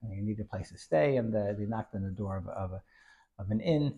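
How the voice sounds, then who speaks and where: Casting: male religious teacher, gravelly husky voice, halting informal storyteller. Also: on the low side, dark tone, dull audio. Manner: halting, repeats words as he goes.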